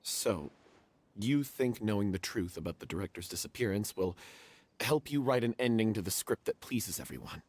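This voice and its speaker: An actor voicing a guarded, weary member of a theatre troupe in a studio game. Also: male voice, fairly low pitch, animated, moderate pace, darkish tone, dry recording. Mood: wary.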